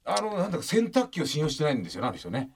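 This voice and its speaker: A man's voice: on the high side, racing, vocal fry. A man telling anecdotes in casual chat, animatedly acting out what people said. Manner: animated storyteller who acts out quotes.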